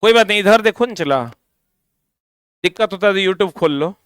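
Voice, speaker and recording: A male teacher leads a physics lesson, asking questions and slowly repeating the answers for students to write down. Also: high voice, animated, fairly bright tone, clear, resonant tone, no room sound. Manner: drifts into stern ranting.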